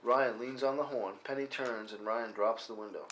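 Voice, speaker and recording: At a table read, a man handles the stage directions, reading scene headings and action lines aloud as scripted narration. He has a mid-range, fairly bright voice and keeps a moderate pace, captured in a noisy live room with clicks.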